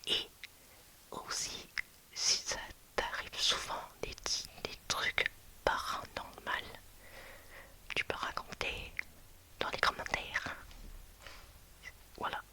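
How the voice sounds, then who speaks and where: Taking it slowly and pausing often, a female creator whispers a personal tale to her audience. Her quiet, hesitant speech is full of restarts and filler words.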